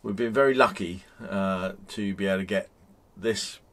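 A man's voice: sits low, normal speed. A man in his fifties chatting casually to camera from inside a motorhome, rambling with frequent ums and restarts. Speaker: vlogger. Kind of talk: casual vlog chat.

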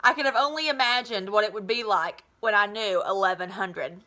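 Speaking with a sharp tone in a mid-range voice, a North American woman in her thirties moves a little fast as she reads from a children's novel. She performs it expressively, the way a teacher would for a class, from a small home living room.

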